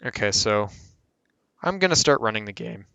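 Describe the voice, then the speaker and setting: A man's voice: fairly low pitch, expressive, moderate pace, gravelly, pushed and bright, smooth, no echo. A man hosting a casual gameplay tutorial who rambles and corrects himself mid-sentence as he explains. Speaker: game tutorial host.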